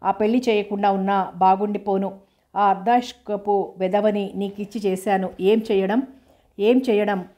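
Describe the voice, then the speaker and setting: Woman reading a heartbroken father, self-blaming, pleading, flat mellow tone. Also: mid-range voice, moderate pace, lightly acted. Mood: lamenting, pleading. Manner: lamenting, pleading.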